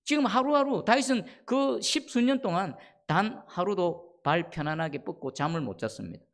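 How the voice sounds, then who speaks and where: A man preaching a sermon as pastor, reading scripture slowly and then voicing the psalmist's laments with rising emphasis. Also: high voice, expressive. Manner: slow, measured scripture reading.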